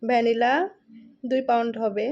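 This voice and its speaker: A woman's voice: fairly high pitch, flat delivery, normal speed, darkish tone. A woman vlogging casually to her viewers, cooing and scolding in baby talk. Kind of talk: casual home vlog talking to viewers and a pet. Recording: dull lo-fi home recording.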